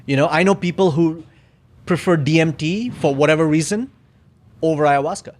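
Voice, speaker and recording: Reflective man, slightly high voice. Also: moderate pace. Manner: reflective, searching for words, many fillers. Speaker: podcast guest. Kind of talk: casual conversation.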